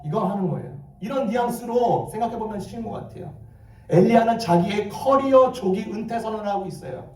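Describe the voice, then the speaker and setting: A man with a high, mellow voice delivers a sermon and stresses his key phrases. The pulpit mic sits some distance away. The church hall around him rings with echo. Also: a little fast. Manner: emphatic preaching, repeating key phrases. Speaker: pastor. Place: church sanctuary.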